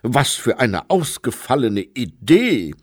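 A man's voice: mid-range voice, big pitch swings, takes it slowly. A man reading aloud and voicing an amiable, fussy scholar who speaks in a mild, hopeful way.

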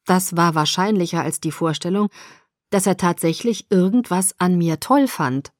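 A woman narrating a German audiobook in the first person, with a measured storytelling read. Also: on the low side, no room sound, clean studio sound.

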